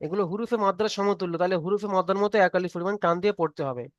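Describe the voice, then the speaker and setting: A man's voice: sits high, steady tone, very fast, no room sound, muffled recording. A man teaching Quran reading in an online class, patient and repetitive, often checking that students follow. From Bengal. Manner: patient, repeats each point and checks understanding.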